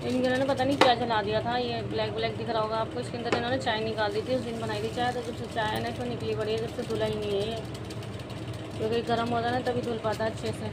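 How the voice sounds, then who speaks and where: Woman vlogger, casual and chatty, addresses viewers in a home kitchen; loud background noise. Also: a little high, flat delivery, fast. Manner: chatty, talks straight to viewers. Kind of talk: casual home cooking vlog.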